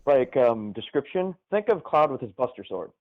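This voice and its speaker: Calling into a gaming livestream, a man chats and reminisces casually in a sing-song, mid-range voice at a moderate pace. The live call sounds tinny and band-limited like a phone line, with a little hiss or hum.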